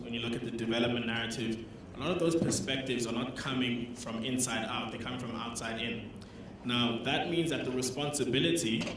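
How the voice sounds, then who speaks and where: A young man speaks earnestly and persuasively, answering a question from a conference panel. His voice sits at an ordinary pitch. It carries through a very echoey hall from a mic set some way off. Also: far from the mic, background noise. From South Africa. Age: 20s. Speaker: youth representative panelist.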